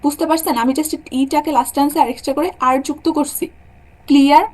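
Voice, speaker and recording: A woman's voice: high voice, fairly even intonation, quick pace, darkish tone. A young woman teaching a German class, explaining rules step by step and often checking that her students follow. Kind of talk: online class lecture.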